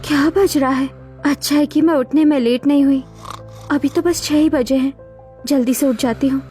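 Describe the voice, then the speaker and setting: A woman's voice: high-pitched, steady tone, moderate pace, warm tone, faint music behind, natural voice. A woman voicing a frightened, tearful young bride who pleads and stammers in a dramatized moral story. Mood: anxious.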